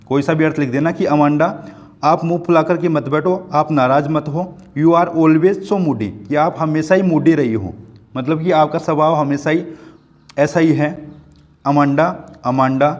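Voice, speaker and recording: A man with an Indian accent teaching a classroom lesson on a poem, patiently repeating himself and checking that students follow. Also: on the high side. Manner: patient, repetitive, keeps checking students understand. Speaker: school teacher.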